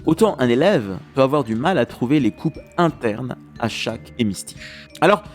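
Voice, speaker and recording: A man teaching poetry for an exam, with a voice of middling pitch. He talks with lively energy and chants verse out loud, tapping out each beat. Faint music plays under his voice. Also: normal speed. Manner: lively, scans verse aloud, counting beats. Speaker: French literature teacher. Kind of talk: exam-prep lesson on verse rhythm.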